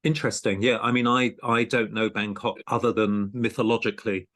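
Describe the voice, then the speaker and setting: A man with a fairly low voice hosts a conversational podcast interview. He talks with plenty of ums, pauses and restarts. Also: fairly even intonation, fairly bright tone. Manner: hesitant, many ums and restarts. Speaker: podcast host and programme director.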